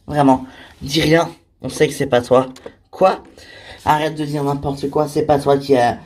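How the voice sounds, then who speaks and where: One voice actor for all the characters, amateur toy drama, casual chatty dialogue, middle pitch. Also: a little mellow. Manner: shifts pitch between characters, casual everyday French with fillers. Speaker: voice performer of a toy figure series.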